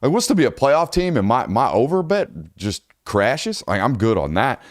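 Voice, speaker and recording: A man's voice: medium pitch, very animated, normal speed, no echo, studio quality. A man hosting a casual college football show, talking loosely and correcting himself as he goes. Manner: loose, rambling, self-correcting. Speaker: host. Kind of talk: casual sports podcast chat.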